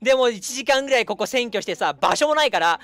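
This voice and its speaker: Lively young man telling a story. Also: very high-pitched, fast talker, no echo. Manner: animated, acts out quoted people. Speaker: streamer. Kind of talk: casual storytelling chat.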